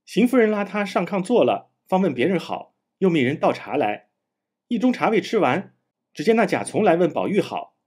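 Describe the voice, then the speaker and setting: A man reads a classic novel aloud, his husky voice sitting fairly high. His delivery is animated and sing-song, the pitch rising and falling through each sentence. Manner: measured storytelling.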